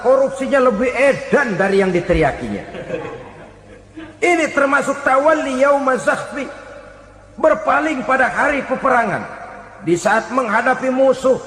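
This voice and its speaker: High-pitched preacher in an echoey hall. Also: male voice. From Indonesia. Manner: animated, mimics people in quoted asides. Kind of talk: sermon. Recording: echoey reverberant hall recording.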